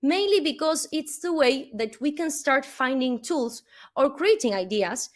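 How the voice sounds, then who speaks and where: In a high voice with lively intonation, speaking a little slowly, an Argentine woman gives a sincere keynote for a webinar. English isn't her first language (Spanish is), so her Argentine accent shows, and she uses many "uh" fillers and questioning "no?"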